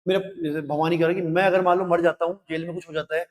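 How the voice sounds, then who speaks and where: A high-pitched man explains a poem line by line in a live lesson. He quizzes his listeners with questions he answers himself. His voice carries a long echo. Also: little pitch movement, quick pace. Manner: recites verse lines then explains them with rhetorical questions. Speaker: Hindi teacher.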